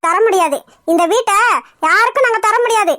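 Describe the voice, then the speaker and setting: A woman's voice: very high-pitched, brisk, pushed and bright, no echo, studio quality, pitched above the performer's own voice. A woman voicing a scheming, scolding middle-aged aunt in a cartoon. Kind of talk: cartoon dubbing.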